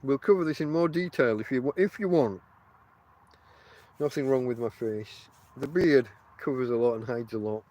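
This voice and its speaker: Speaking at a moderate pace, this middle-aged man has a medium-pitched, somewhat mellow voice and toothless articulation with lips drawn over his teeth. As a podcast host, he drifts through loose, rambling talk full of dry jokes at his own expense.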